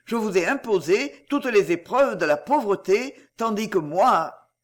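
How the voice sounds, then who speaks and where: A despairing middle-aged cashier who speaks in a choked, stubborn voice, as a male audiobook reader puts him on. The voice sits high and moves widely in pitch. He sounds like a broken man facing ruin. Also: lively intonation, unhurried. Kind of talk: audiobook character reading.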